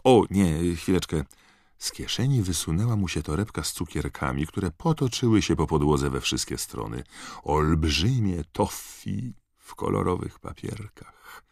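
A man narrating an audiobook in expressive storytelling style. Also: low voice, moderate pace, gravelly, no room sound, studio quality. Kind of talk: scripted narration.

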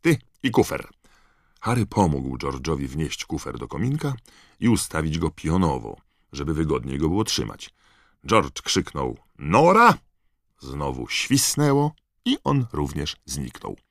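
A man narrating an audiobook in expressive storytelling style. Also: very deep voice, measured pace, gravelly, no room sound, clean studio sound. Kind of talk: scripted narration.

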